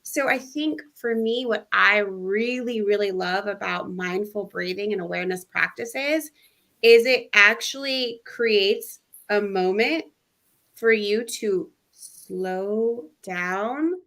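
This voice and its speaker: Woman breathwork guide, animated and upbeat, chatty interview guest. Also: medium pitch, slow. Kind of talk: casual interview chat.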